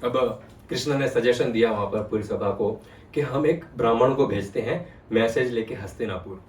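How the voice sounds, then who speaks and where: A man's voice: mid-range voice, moderate pace. Man giving a devotional discourse, roomy. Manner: animated, asks the audience questions. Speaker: spiritual storyteller. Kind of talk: devotional discourse retelling scripture. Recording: roomy sound from a distant mic.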